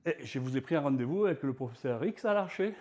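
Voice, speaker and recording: A man voicing an excitable male radiologist with a strong Italian accent, exclamatory and sing-song. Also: mid-range voice, quick pace, pitched above the performer's own voice, close to an everyday voice. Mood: ébahi.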